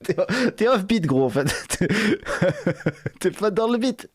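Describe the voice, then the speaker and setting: A man's voice: sits high, animated, measured pace, slight background noise. A man hosting a casual live stream, talking bluntly and mockingly with slang and swearing. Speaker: streamer host, rapper.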